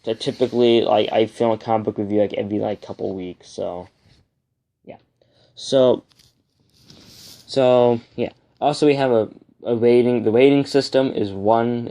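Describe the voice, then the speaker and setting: A young man giving a casual, rambling review vlog, with a speech impediment that turns r into w and softens l. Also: lowish voice. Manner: halting, rambling, repeats and restarts phrases. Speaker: comic book reviewer.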